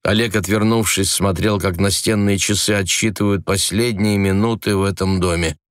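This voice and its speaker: A man reading a novel aloud as audiobook narrator, measured and even. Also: sits low, no room sound, clean studio sound.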